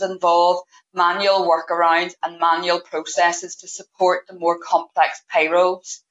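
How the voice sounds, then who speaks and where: A woman of fifty gives interview answers as a guest. Her voice is on the low side, and the recording is dull with a clear room echo. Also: fairly bright tone. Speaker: podcast guest, payroll manager. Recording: echoey room, dull lo-fi sound.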